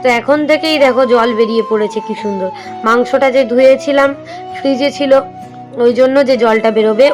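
A young woman, a mother, vlogging at home: she talks viewers through her cooking step by step and coaxes her small children in a sing-song voice. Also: fairly high pitch. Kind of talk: casual home vlog narration. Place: home kitchen. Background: background music.

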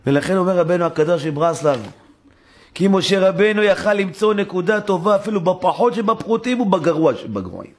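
Animated husky-voiced rabbi preaching. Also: male voice. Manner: animated preaching, acting out dialogue in bursts of high-pitched exclamation. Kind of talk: sermon. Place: synagogue.

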